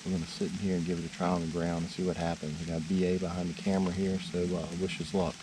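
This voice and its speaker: Deep voiced hunter guy, monotone casual vlog update out in the field. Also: fast talker, noisy background. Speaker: hunter hosting a hunting vlog. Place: outdoors in the field while hunting.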